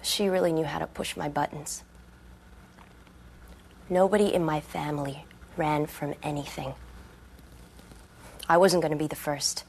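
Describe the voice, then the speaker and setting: A woman's voice: sits low, fairly even intonation, a little slow, vocal fry, long pauses, darkish tone, slight background noise. An actress playing a tired young female medical resident who talks in a strained way. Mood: bitter.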